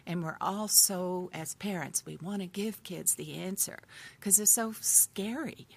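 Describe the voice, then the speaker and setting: An older woman on a discussion panel, speaking as a family counselor in a candid, conversational way with thoughtful pauses. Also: on the low side, gravelly, breathy edge.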